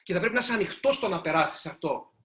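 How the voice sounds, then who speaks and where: A man's voice: high-pitched, expressive, a bit bright. A man, a writer, giving a storytelling talk to a live audience and addressing them directly.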